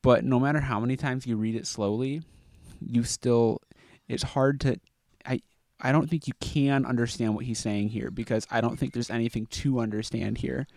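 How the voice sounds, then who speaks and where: A man co-hosting a casual comedy podcast, joking around and laughing often, sometimes reading aloud slowly with heavy pauses. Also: medium pitch, steady tone, vocal fry, darkish tone, dry recording. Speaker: podcast co-host.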